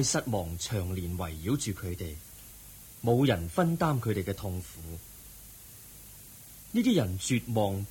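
In a radio drama, a male actor voices the Buddha as a serene, compassionate teacher, speaking measured, earnest Cantonese with a Hong Kong accent. His full character voice is low-leaning, a little mellow and husky.

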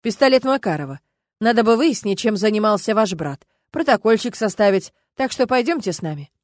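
A woman voicing a stern male militia officer who barks gruff orders, in an audiobook. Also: mid-range voice, expressive, fairly quick, dry recording, studio quality, close to an everyday voice. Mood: official. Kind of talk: audiobook narration.

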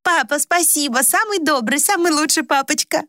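A woman's voice: sits high, animated, a little fast, sharp tone, no echo, studio quality, pitched above the performer's own voice. A woman reading a story aloud, voicing an eager, pushy young village girl who begs and squeals. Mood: delighted.

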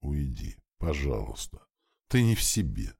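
A man's voice: low-pitched, very animated, moderate pace. A man voicing a grief-stricken young woman. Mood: grieving. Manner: pleading through tears. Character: grieving young mother, worn out and bitter.

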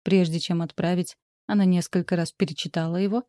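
A woman narrating a story in a steady, even storytelling manner. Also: fairly low pitch, brisk, no echo, studio quality.

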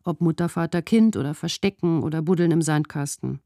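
A woman's voice: low-pitched, a little fast, warm tone, dry recording. A woman narrating a first-person radio column in a wry, opinionated way, recorded on a studio microphone.

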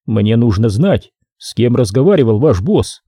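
A weary, restrained detective, read by a male narrator close to his own voice. He speaks in a dry, measured, faintly sardonic way. The tone is very dark and husky, in a dead, dry booth. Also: mid-range voice, big pitch swings, no room sound. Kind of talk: audiobook character voice.

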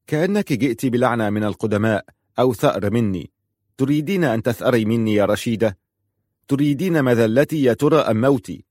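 A man's voice: mid-range voice, animated, fast, darkish tone, dry recording, clean studio sound, lightly acted. A man reading a storybook, voicing an angry, bitter man who accuses his cousin in heated questions. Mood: angry accusing.

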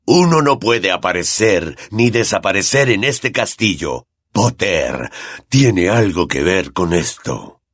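Low, slow, seething professor voiced by a male reader, dry audiobook read. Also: wildly swooping pitch, bright, forceful tone, husky, no echo, heavily acted. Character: furious, bitter male professor, middle-aged.

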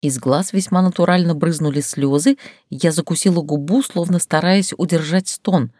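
A woman reading a first-person audiobook in measured, even storytelling. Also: fairly low pitch, no room sound, clean studio sound. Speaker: audiobook narrator.

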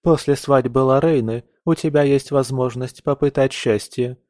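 A man's voice: mid-range voice, fairly even intonation, moderate pace, a little mellow, no echo, close to an everyday voice. A man voicing a domineering, cold noble mother who scolds and commands her daughter in an audiobook. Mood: stern. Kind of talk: audiobook character voice.

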